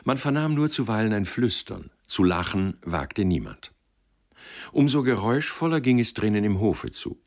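A man reading a novel aloud in a measured, expressive storytelling manner. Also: on the low side. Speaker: reader. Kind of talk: literary reading.

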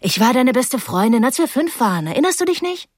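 A woman's voice: high-pitched, big pitch swings, brisk, no room sound, studio quality, pitched above the performer's own voice. A woman voicing a breezy, self-assured teenage schoolgirl who speaks in an airy and carefree way. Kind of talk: audiobook character voice.

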